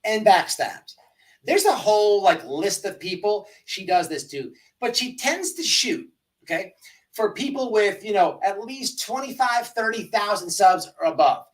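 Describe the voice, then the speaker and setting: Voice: mid-range voice, lively intonation, measured pace. Smug sarcastic streamer doing an exposé, repeats stuff to drive it home, kinda far from the mic. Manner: emphatic, repeating phrases. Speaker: host of a livestream commentary channel. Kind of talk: informal livestream exposé commentary.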